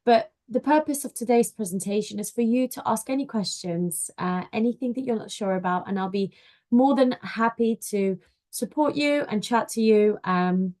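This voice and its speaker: A woman from Poland presents a university webinar over a video call. She talks in a friendly, easygoing way and fills her pauses with frequent "um"s. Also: on the high side, a little mellow. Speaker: university outreach officer.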